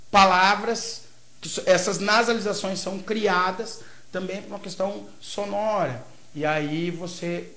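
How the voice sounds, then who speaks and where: A Brazilian man with a Brazilian Portuguese accent gives a grammar lecture in a high, somewhat bright voice. He lays out each point in sequence and checks in with short tag questions along the way, and the room lends the recording a noticeable echo.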